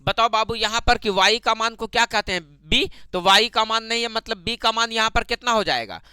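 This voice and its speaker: A man's voice: high voice, fairly quick, pushed and bright, clean tone, no room sound. A man teaching a math class, drilling students with repeated call-and-response questions.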